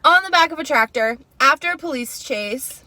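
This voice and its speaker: A woman co-hosting a podcast in casual chat, telling a story in an animated way and acting out what other people said. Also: high voice, moderate pace, no room sound. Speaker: podcast co-host.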